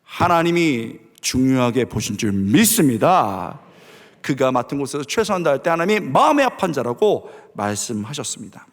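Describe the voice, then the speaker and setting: A middle-aged male pastor preaches in a high, very lively voice, acting out quotes and sound effects as he tells his stories. His voice rings through a church sanctuary with a long, lingering reverb. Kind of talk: sermon.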